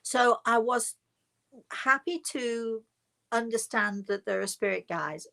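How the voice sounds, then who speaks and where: A spiritual medium shares her personal story informally with an online audience. Her voice is fairly high, slow, gravelly and a little bright, and she talks in a conversational, emphatic way, drawing out and repeating words to stress them.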